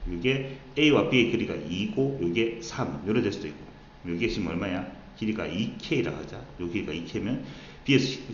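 A lower-voiced man teaches math in a roomy, slightly muffled classroom recording. His pitch rises and falls a lot as he walks through each step. He keeps stopping to check that students follow. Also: slight background noise. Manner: explains step by step with frequent checking questions. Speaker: math tutor. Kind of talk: whiteboard math lesson.

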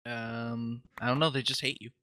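A man's voice: mid-range voice, little pitch movement, moderate pace, pushed and bright. A man co-hosting a casual co-op game session, teasing his partner and giggling while he crafts. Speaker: co-host gamer. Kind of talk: casual co-op gameplay chat.

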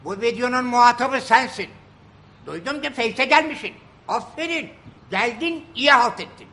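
Older man, grumpy scolding rant, piercingly bright gravelly voice, faint background noise. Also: very high voice, lively intonation, normal speed. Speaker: comic complainer addressing a company on video. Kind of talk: spoken video complaint rant.

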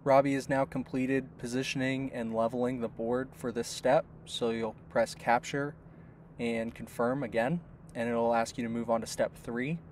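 Man calmly narrating a software tutorial. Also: medium pitch, moderate pace, slight background noise. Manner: steady, step-by-step explaining. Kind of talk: instructional voice-over.

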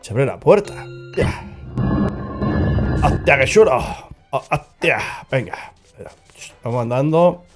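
A man's voice: mid-range voice, expressive, takes it slowly, long pauses, faint music behind. A man with a Spain Spanish accent, playing a video game and joking and swearing as he reacts to what happens on screen. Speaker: gaming channel host. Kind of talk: casual let's-play commentary.

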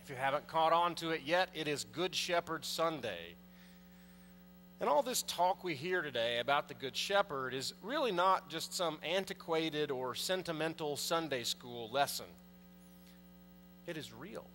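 A priest in his thirties speaks from the pulpit of a large church in a conversational sermon, directing questions at the congregation. His voice is on the high side, animated, a little slow, pushed and bright. Long church reverb and a faint mains hum come through the pulpit mic and far camera.

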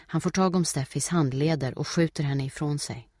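A man reading a novel aloud as an audiobook narrator, in a steady, measured way. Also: a little high, no room sound, clean studio sound.

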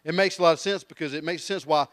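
A man preaching a sermon, telling stories and swinging between quiet intensity and loud rising emphasis. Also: on the high side, quick pace, no room sound, clean studio sound. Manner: tells stories with quoted voices.

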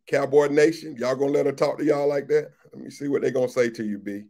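A man's voice: medium pitch, fairly even intonation, quick pace, mellow. Pastor guy hosting a livestream, easygoing chat with viewers, says stuff twice, mid voice. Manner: chatty, repeats phrases, greets viewers by name. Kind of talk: casual livestream chat reading viewer comments.

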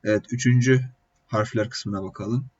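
A man's voice: on the low side, steady tone, normal speed, darkish tone, husky. A man teaching an online language lesson, explaining step by step with frequent hesitation fillers. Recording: dull lo-fi recording.

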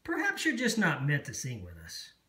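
A reader voicing a kind but firm bird choir conductor in a read-aloud storybook, calm and gently firm. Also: mid-range voice, normal speed, roomy sound.

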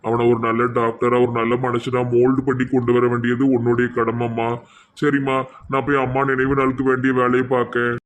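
A man's voice: mid-range voice, little pitch movement, fairly quick, close to an everyday voice. A man playing a grieving, stern middle-aged widowed father with a Tirunelveli Tamil accent, speaking earnestly. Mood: sad.

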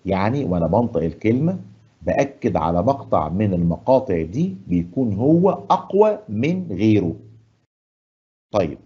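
A man with an Egyptian Arabic accent teaching an English lesson. He asks the class questions and answers them himself, and he stresses English words slowly and loudly. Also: fairly low pitch, breathy edge, dull audio. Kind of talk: classroom lesson explaining grammar and pronunciation. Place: studio.

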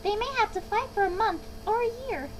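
A woman voicing an indignant, querulous old creature who speaks for the trees in a storybook, croaky and scolding in rhyme. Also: extremely high pitch, fairly quick, noisy background, pitched above the performer's own voice. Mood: plaintive. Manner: scolding, pleading, theatrical rhyming delivery.

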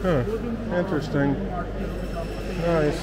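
Slow-talking man marveling on a tour. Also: a little high, very noisy. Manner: exclamatory, marvels aloud. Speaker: travel vlogger. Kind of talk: casual walking-tour commentary. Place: indoor market hall.

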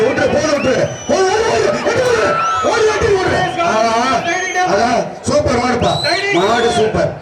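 A man with a Tamil Nadu accent announcing through a loudspeaker, repeating exclamations and barking commands at handlers and the crowd. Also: extremely high pitch. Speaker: announcer at a bull-taming event. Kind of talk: live shouted commentary. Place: outdoor arena. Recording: echoey open-air arena, heard from far off, loud crowd and noise.

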